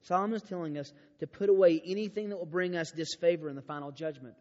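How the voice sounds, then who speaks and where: A man preaching a sermon at a youth camp, animated and storytelling, moving from hushed to emphatic. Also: a little high, quick pace. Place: large church auditorium. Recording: dull sound with long hall reverb.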